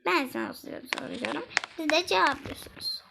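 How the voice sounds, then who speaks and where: A young girl with a high, light voice chats casually to her viewers while she plays a game. She talks in a giggly, rambling way, straight to the audience. A faint hiss of noise sits under her voice. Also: expressive, a little fast, creaky. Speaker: gaming vlogger.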